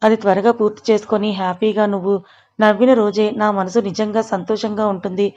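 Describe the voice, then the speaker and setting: A woman voicing a devoted, gentle young man in love, read out in a storybook. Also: mid-range voice, little pitch movement, brisk, close to an everyday voice. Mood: tender. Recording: dull lo-fi recording.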